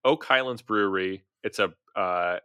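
Bright-voiced Midwestern male co-host. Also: lowish voice, normal speed, clean tone, no echo, studio quality. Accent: Midwestern American. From American Midwest. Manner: chatty, rambling, jokey. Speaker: podcast co-host. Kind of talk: casual chat.

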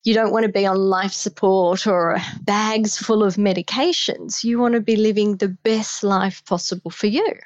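Speaking at a normal pace with few pauses, an Australian woman offers forceful, straightforward midlife health advice as a podcast guest. Her pitch is medium, there's no echo, and the high frequencies are missing.

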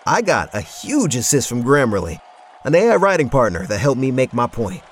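A man's voice: medium pitch, huge pitch swings, fairly quick, a little hiss or hum. A man playing an earnest office worker interviewed like a star athlete in a scripted ad. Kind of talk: scripted ad testimonial.

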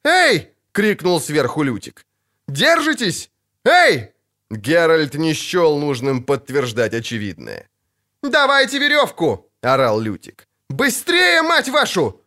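A man reading an audiobook, voicing a frantic, hot-headed troubadour who yells in a high, strained voice. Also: expressive, a little slow. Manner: yelling, frantic.

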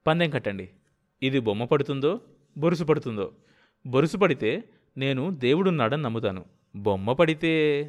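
A man's voice: mid-range voice, lively intonation, normal speed, long pauses, pitched above the performer's own voice, lightly acted. A man voicing a cheerful, teasing wealthy film producer who likes to challenge people in a story reading. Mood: jovial.

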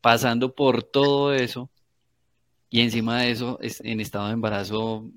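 A man's voice: medium pitch, little pitch movement, moderate pace, fairly bright tone, no echo. A man interviewing a guest, asking long, hedging questions full of fillers. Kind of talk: conversational interview.

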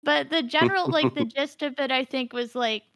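A woman co-hosting a casual podcast chat with a high, bright voice. She rambles and restarts her thoughts often, recorded close and dry. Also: normal speed, dry recording. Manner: rambling, full of fillers and restarts. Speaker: podcast co-host.

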